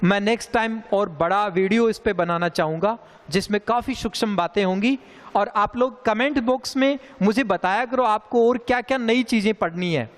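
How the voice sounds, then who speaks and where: A man with a fairly high, clear voice teaches a grammar lesson at an unhurried pace. He repeats sounds deliberately for his students. A long reverb hangs behind him.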